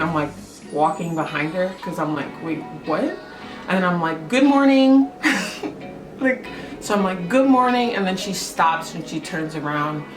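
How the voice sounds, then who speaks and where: A young woman telling a story about her work as a photographer in a casual, chatty way, full of "like" and "um". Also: on the low side. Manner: chatty, lots of "like" and "um", acts out quotes. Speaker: photographer vlogger. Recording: roomy echo with music underneath.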